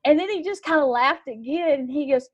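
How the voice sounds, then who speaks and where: A woman co-hosting a podcast, telling a story in an animated, excitable way and acting out what others said. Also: sits high, fairly quick. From Texas. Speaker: podcast co-host. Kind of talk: casual storytelling chat. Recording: dull lo-fi sound.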